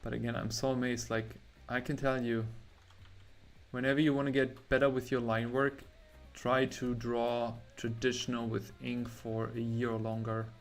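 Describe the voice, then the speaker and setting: A man's voice: medium pitch, little pitch movement, moderate pace, faint music behind. A young man from Germany chatting casually with viewers while he draws on a livestream, rambling and breaking off mid-word. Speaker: artist streaming a drawing session.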